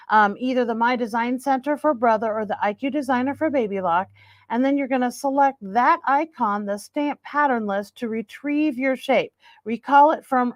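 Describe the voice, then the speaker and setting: Upbeat high-voiced sewing teacher. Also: female voice, dry recording. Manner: upbeat, chatty. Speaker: sewing instructor. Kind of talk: how-to demonstration. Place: sewing store studio.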